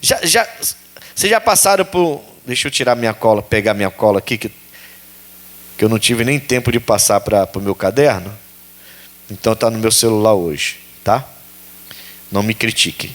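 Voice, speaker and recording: A man's voice: fairly low pitch, expressive, normal speed, long pauses. A man preaching a sermon as pastor, repeating phrases and putting questions to the congregation.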